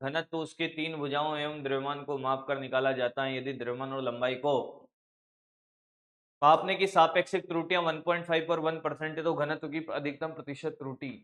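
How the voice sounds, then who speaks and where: A man teaching a live online practice class, scolding and coaxing his students in a brisk, familiar way. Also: a little high, fairly even intonation, a bit bright.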